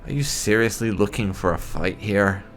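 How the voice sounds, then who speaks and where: With lively intonation and a fairly bright tone, this man's lowish voice moves at a moderate pace. He runs a gaming channel and is role-playing his character's game dialogue, sounding cheeky, teasing and thoughtful.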